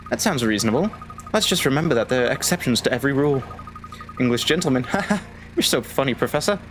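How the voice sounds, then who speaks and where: A man voicing an eager, cheerful young woman assistant from a video game, talking in a chirpy, excitable way. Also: medium pitch, quick pace, background noise, lightly acted.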